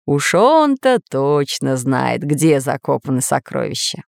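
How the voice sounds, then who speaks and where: A woman voicing a sensible male professor in a children's story, speaking lower and measured. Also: big pitch swings, vocal fry, a little mellow, no echo, studio quality, heavily acted. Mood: calm. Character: sensible older male professor, calm and thoughtful.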